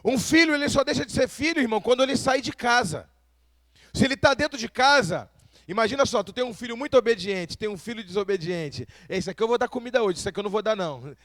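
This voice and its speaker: Male preacher from Brazil, high voice, dry close sound, addresses the congregation with frequent questions. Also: no room sound. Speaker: pastor. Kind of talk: sermon.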